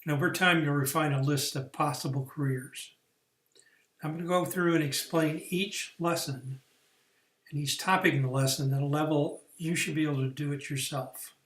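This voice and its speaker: Career coach, male, slightly high voice, talking through a training lesson unscripted, with restarts, in a roomy space. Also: steady tone, moderate pace, a bit bright. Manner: explanatory, with fillers and restarts. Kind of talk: recorded online training lesson.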